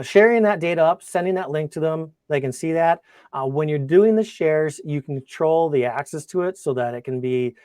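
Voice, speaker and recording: Presenting a casual technical webinar, a product demonstrator takes questions and reasons aloud as he chats. His mid-range voice is slightly mellow, recorded at studio quality with no room sound.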